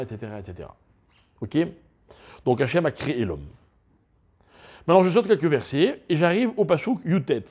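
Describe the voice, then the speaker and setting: A middle-aged rabbi gives a Torah lesson in an animated way, his fairly high voice leaping up and down. He keeps asking his listeners questions and weaves Hebrew words into his explanations. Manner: animated, asks the audience questions, spells out Hebrew letters; mixes Hebrew terms into French. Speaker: rabbi teaching a Torah class. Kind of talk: lively Torah lesson to a live audience.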